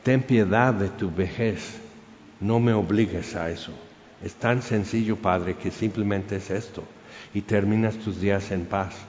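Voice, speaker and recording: A man voicing a Roman centurion who gently pleads, speaking softly and slowly, in a dull recording with long reverb. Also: lowish voice, slight background noise, voice pushed down, close to an everyday voice. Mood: pleading. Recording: dull sound in a reverberant hall.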